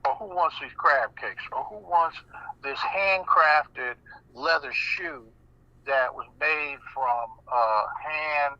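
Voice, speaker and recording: A man with an American accent talking casually on a radio show, animated and often repeating words as he restarts. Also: fairly high pitch, takes it slowly, no echo. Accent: American English. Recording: muffled radio broadcast.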